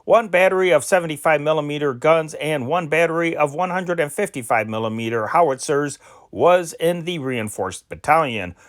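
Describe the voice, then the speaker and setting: A fairly high-pitched man reads aloud from old newspaper dispatches, amateur-newsreader style. He's measured and steady, stopping occasionally to fix a mistake.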